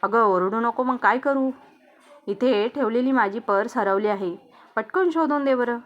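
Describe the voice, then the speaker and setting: A woman's voice: on the high side, unhurried, fairly bright tone, dull audio. A woman voicing a scolding older mother-in-law. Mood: panicked. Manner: accusing, scolding.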